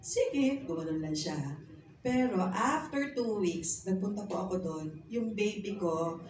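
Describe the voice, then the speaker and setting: A woman's voice: medium pitch, a little slow. A middle-aged woman, a pastor's wife, telling her personal testimony in a chatty way, mixing English phrases into her talk and speaking politely. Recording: echoey room, mic at a distance, faint noise.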